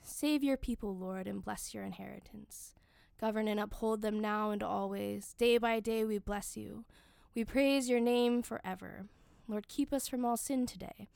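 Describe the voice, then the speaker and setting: A woman leading worship, reciting prayers and scripture in measured, solemn short phrases. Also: mid-range voice, steady tone, vocal fry, a little mellow, clear, resonant tone, no echo. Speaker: worship leader reading the daily office. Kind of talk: liturgical prayer and scripture reading.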